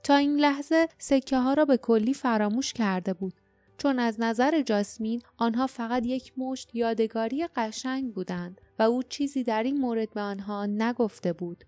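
A woman narrating an audiobook in a steady, measured storytelling manner. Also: fairly high pitch, no room sound, faint music behind. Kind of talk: scripted narration.

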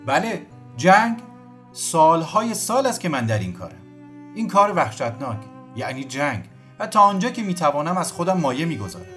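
A man's voice: on the high side, big pitch swings, fairly bright tone, voice pushed up. A man voicing a weary young Russian army officer with a melancholy, formal manner. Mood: brooding. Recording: faint music behind.

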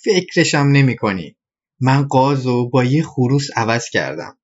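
A woman's voice: rumbling low, lively intonation, husky, dull audio, pitched below the performer's own voice, exaggerated voice. A woman voicing Hans, a simple-hearted village husband who sheepishly admits each bad trade, in a storybook reading.

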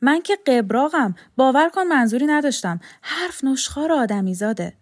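A woman reading the part of a frail old man in an audiobook, with a raised, lively voice. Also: sits high, no echo, clean studio sound, pitched above the performer's own voice. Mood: wistful.

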